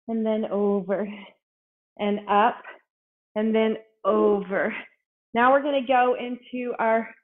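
A woman's voice: a little high, phone-quality sound. A woman fitness instructor coaching a workout, out of breath, upbeat and encouraging as she counts reps aloud.

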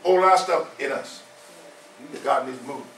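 In a small church hall, a distant camera captures a man in his 70s delivering a conversational sermon, stressing and restating his points. His voice is medium-pitched and fairly bright at normal speed, and the echoey room carries slight background noise.

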